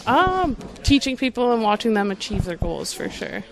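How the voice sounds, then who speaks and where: A woman's voice: on the high side, big pitch swings, moderate pace, crowd noise. A young woman, a pro wrestler being interviewed, answering casually and laughing often. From Canada.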